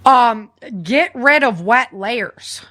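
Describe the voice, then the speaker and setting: Extremely slowly, a woman with a slightly high, sharp voice and lively intonation hosts a podcast on survival. Reading from notes, she instructs listeners informally and often asks "right?"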